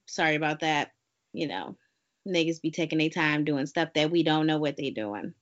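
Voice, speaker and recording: A woman's voice: low-pitched, lively intonation, moderate pace. A young woman hosting a casual podcast, brash and profane, teasing her co-host. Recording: dull lo-fi audio.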